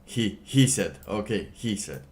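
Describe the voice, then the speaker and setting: A livestream host does casual commentary, reading aloud and reacting in a halting, sardonic way while often repeating his phrases. His voice is lowish and darkish in tone, with lively intonation.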